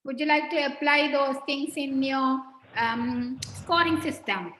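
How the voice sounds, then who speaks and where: A woman's voice: high voice, unhurried, fairly bright tone, reverberant, slight background noise, rough recording. A woman teaching medicine in a class, questioning students and prompting them one by one. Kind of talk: online clinical teaching session.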